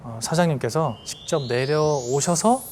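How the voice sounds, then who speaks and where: A man in his thirties giving a storytelling lecture to an audience, lively and acting out scenes with sound effects. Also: fairly high pitch, a little slow, slight background noise. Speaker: celebrity lecturer.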